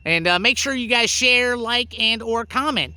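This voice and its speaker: A woman's voice: on the high side, normal speed, bright, forceful tone, dry recording. A woman hosting an educational farm video, eager and playful with exclamations. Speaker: host.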